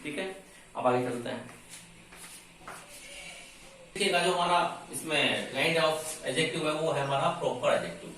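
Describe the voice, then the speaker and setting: A man's voice: a little high, measured pace, pauses often, pushed and bright, slight background noise. A man teaching an English grammar lesson, explaining step by step and asking and answering his own questions. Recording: echoey room from a distance.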